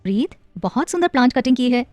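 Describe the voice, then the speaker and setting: Audio story role: a loving, teasing young mother, as the woman narrator voices her, high-pitched, close and dry. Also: animated, fast, darkish tone, no echo, faint music behind. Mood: tender. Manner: teasing, affectionate scolding. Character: young wife and mother, firm but loving.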